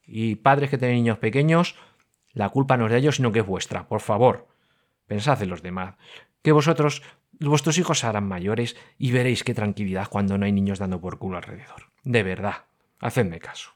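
A man's voice: fairly low pitch, moderate pace. Exasperated man ranting. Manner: exasperated, animated, swings from loud outbursts to muttered asides. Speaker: podcast host. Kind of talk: casual ranting monologue.

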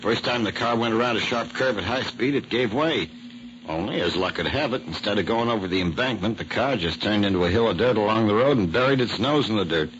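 Deep, blunt garage mechanic. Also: male voice, expressive, fairly quick, fairly bright tone. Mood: blunt, matter-of-fact. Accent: American. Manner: slangy, plain-spoken. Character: blunt, folksy working-class male garage mechanic. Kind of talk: old-time radio drama acting. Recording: noisy, muffled old radio recording.

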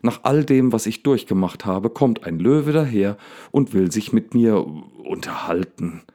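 A man reading a storybook, voicing an agitated young man shouting indignantly at a lion. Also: lowish voice, lively intonation, a little slow, voice pushed up. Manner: angry, indignant outbursts. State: slightly hysterical.

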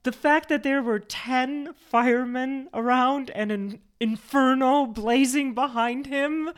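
A woman co-hosting a podcast, recalling old neighbors with lively amusement and frequent laughter. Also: high-pitched, slow, clean tone. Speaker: podcast co-host. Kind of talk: casual reminiscing conversation.

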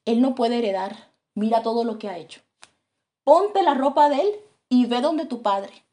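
A woman's voice: a little high, expressive, normal speed, warm tone, natural voice. A woman preacher voicing a determined mother giving firm orders to her son.

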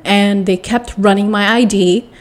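A young woman telling a personal story in a casual storytime monologue. She rambles and corrects herself, restarts her sentences, tells it with dramatic flair and clears her throat often. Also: mid-range voice, steady tone, unhurried.

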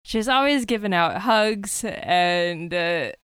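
A woman's voice: fairly low pitch, lively intonation, takes it slowly, a bit bright, clean tone, no room sound. A woman hosting a podcast, chatting casually with many fillers and restarts. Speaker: podcast host.

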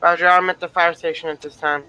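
A man's voice: a little high, little pitch movement, fast talker, sharp tone, clear, resonant tone, low-quality recording. A man role-playing a fire crew member in an online game, talking in procedural stock radio phrases. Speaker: fire engine role-player.

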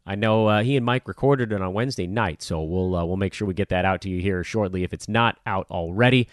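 A man's voice: low voice, fairly quick, dry recording, studio quality. A man hosting a sports podcast, chatting casually and rambling a little as he wraps up the show with plugs and thanks. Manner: upbeat, rambling, self-deprecating. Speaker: podcast host.

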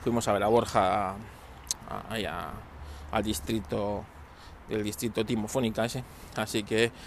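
A man's voice: lowish voice, slight background noise. A man hosting a casual podcast, talking in a joking, rambling way with many restarts, recorded outdoors on a street. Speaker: podcast host.

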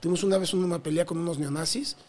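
Fast-talking high-voiced Mexican man. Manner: animated, slangy, swears freely. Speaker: touring musician guest. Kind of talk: casual storytelling interview.

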